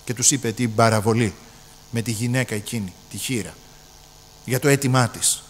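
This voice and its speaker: A man's voice: medium pitch, fairly even intonation, big-room sound, a little hiss or hum. A man preaching a sermon emphatically, repeating his phrases and often addressing the brethren.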